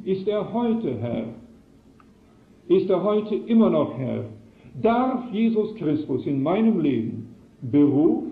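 A man preaching a sermon in an earnest manner, posing probing rhetorical questions to his listeners. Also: fairly high pitch. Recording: echoey, phone-like lo-fi recording.

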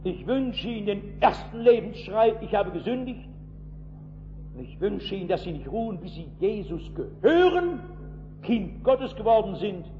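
A man with a high voice preaches an emphatic sermon, rising to loud outbursts and dropping to hushed asides. He keeps turning to the listeners with rhetorical questions. The recording is dull and lo-fi, with a long hall reverb and a faint hum underneath. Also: very animated, normal speed.

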